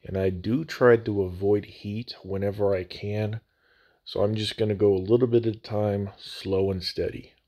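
Recorded on a phone mic with a slight echo, a man with a fairly low, darkish voice and fairly even intonation talks at normal speed. He runs a scale model building channel and guides viewers through a hands-on tutorial in a plain-spoken, folksy, casual way.

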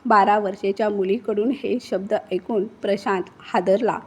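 A woman narrating a scripted story with a steady, expressive reading. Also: medium pitch, moderate pace, breathy edge.

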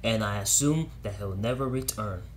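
A man's voice: on the low side, moderate pace, slight background noise, natural voice. A man playing a museum owner announcing breaking news, with music behind.

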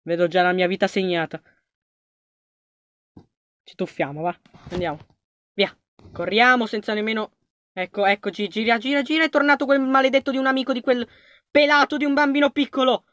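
This gaming video maker talks fast but leaves long pauses, panicking and getting excited while speaking to the game's characters, alternating shouts with murmurs. The sound is lo-fi with no room sound.

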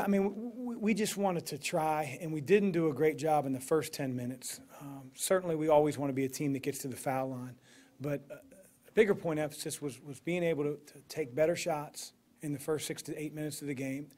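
A man in his forties stands at a podium in a press room and fields postgame questions as a basketball coach. He talks things through with lots of fillers and restarts, steady and measured. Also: fairly high pitch. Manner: measured, thinking aloud with many fillers and restarts. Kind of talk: postgame press conference answers. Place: press room in front of a sponsor backdrop. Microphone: podium microphone.

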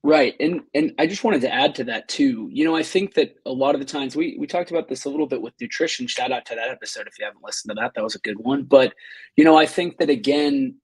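A man, a fitness coach co-hosting a podcast over a video call, talking in an earnest way with quick bursts. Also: mid-range voice, husky, dry recording, low-quality recording. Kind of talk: casual podcast conversation.

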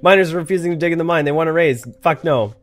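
A man's voice: a little high, rapid-fire, soft background music. A man commentating a game, reading its cards aloud and reacting with laughs and swearing. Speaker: gamer. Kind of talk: let's play commentary.

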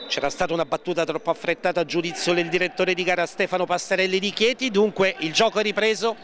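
A man giving live futsal play-by-play, repeating players' names and lifting his voice excitedly at key moments. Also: high-pitched, fast talker. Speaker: match commentator. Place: indoor sports hall during a match. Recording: noisy sports hall ambience, bouncing balls.

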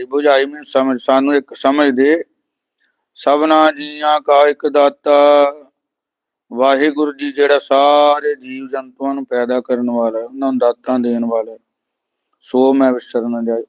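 A man teaching scripture line by line, chanting each verse slowly and then explaining it plainly, with notes on pronunciation. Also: medium pitch, dry recording.

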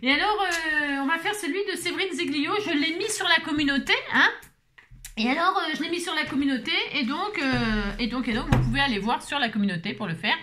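A middle-aged woman hosting a crafting channel, telling stories in a casual, lively way with lots of fillers. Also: high-pitched, brisk, slight background noise. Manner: lively, animated storyteller with many fillers. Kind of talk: casual chatty vlog storytelling.

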